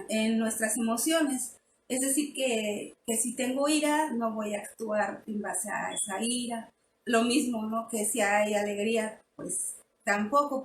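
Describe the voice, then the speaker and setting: A woman's voice: fairly high pitch, a little hiss or hum. Woman, echoey room. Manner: explanatory, with many restarts and fillers. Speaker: parenting workshop facilitator. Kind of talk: live online talk to parents.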